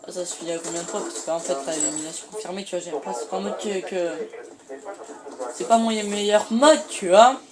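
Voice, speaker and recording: A man's voice: high-pitched, fairly quick, crowd noise. A teenage boy chatting in slang while he plays a shooter and comments on it. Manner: slangy, rambling, excitable. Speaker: gaming YouTuber. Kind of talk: casual gameplay commentary. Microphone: phone filming the screen. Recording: faint room noise, phone recording.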